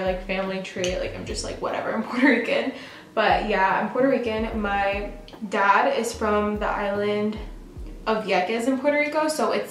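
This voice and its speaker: This get-ready-with-me clip features a young New York woman, a beauty vlogger, chatting as she applies makeup in her home bathroom. Her medium-pitched voice is chatty and full of "like," while the poor audio sounds roomy and carries some hiss or hum.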